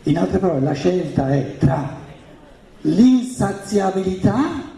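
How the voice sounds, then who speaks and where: German guy lecturing w a german accent, native german, mellow creaky voice, echoey room. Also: high-pitched, very animated, slow pace. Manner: emphatic, repeats phrases and poses rhetorical questions. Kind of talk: spiritual lecture to an audience. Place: indoor room with an audience. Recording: roomy, echoing live talk.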